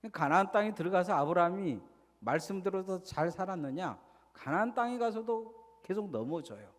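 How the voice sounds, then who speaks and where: A man pastor delivering a Sunday sermon, asking rhetorical questions and leading the congregation to repeat after him. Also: fairly high pitch. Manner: preaching with rhetorical questions and call-and-response. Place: church sanctuary. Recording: church sanctuary with long reverb.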